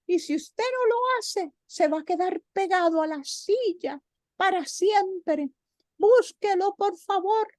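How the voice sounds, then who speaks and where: A woman's voice: very high-pitched, takes it slowly, darkish tone, dry recording, pitched above the performer's own voice, low-quality recording. A woman voicing a frantic female cricket wife in a storytelling performance, pleading and shrieking. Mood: panicked pleading.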